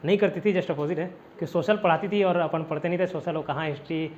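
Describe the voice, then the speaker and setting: A man's voice: fairly high pitch, fairly even intonation, fast, a little mellow, muffled recording, a little hiss or hum. A man from India teaching a casual vocabulary lesson in a classroom, explaining each word with repeated rhetorical questions.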